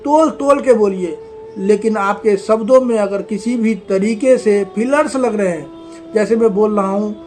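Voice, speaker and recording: High-voiced man coaching with emphasis. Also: steady tone, moderate pace, darkish tone, faint music behind. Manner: emphatic, repeats points, addresses viewers as friends. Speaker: communication skills coach. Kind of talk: motivational lesson to viewers.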